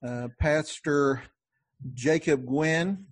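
A man hosting a podcast in a relaxed, conversational way, with frequent fillers and restarts. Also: fairly high pitch, very slow, no echo. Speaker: podcast host. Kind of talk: casual podcast talk.

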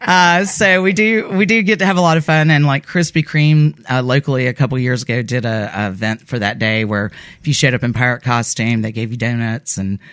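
A man who is a guest on a casual talk show, relaxed and talkative with plenty of fillers. His voice is mid-pitched and sounds dry and close. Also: a little fast, few pauses, clean tone, no room sound. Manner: easygoing and talkative, with fillers and laughs. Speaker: guest, pirate group captain. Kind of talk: casual interview chat.

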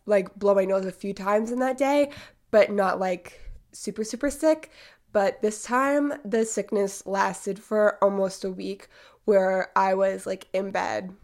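Chatty and full of fillers, the congested eighteen-year-old podcast host works through a casual monologue despite her cold. Her medium-pitched voice comes across a little mellow.

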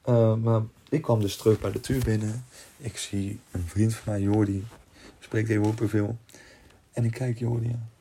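A man's voice: fairly low pitch, flat delivery, moderate pace, mellow, slight background noise. A young man hosting a podcast, telling personal stories casually, rambling and restarting sentences, with casual swearing. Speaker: podcast host.

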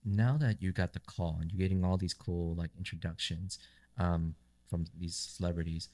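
Deep-voiced guy from the us hosting a chat podcast, lots of ums. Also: fairly even intonation, normal speed, darkish tone. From United States. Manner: rambling questions with fillers. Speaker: podcast host. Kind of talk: casual interview chat.

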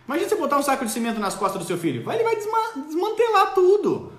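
A man's voice: very high voice, very animated, very fast, roomy sound. A man hosting a casual live stream of parenting advice, talking animatedly and acting out parents and children as he goes.

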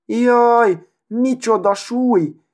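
A man's voice: extremely high pitch, a little mellow, voice pushed up. A man voicing a vain, haughty female sewing needle who talks in a proud, affected, self-important way. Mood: distressed.

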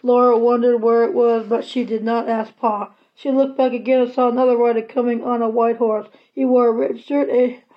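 A woman reading a classic children's novel aloud at an unhurried pace, plain and steady. Her voice is fairly high, and the recording has a slightly dull, lo-fi quality. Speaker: audiobook reader.

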